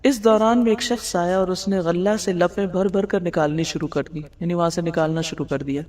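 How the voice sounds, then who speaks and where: A woman's voice: fairly low pitch, darkish tone. A woman teaches a religious lesson in an explanatory way. She asks her listeners rhetorical questions and drops English words into her speech. Her voice carries a long reverb, as in a large hall. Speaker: Islamic teacher. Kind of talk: religious lecture explaining hadith.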